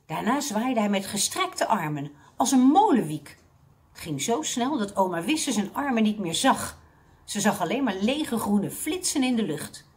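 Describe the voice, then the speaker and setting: A woman working as a library reading consultant, reading a children's book aloud with expressive storytelling. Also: medium pitch.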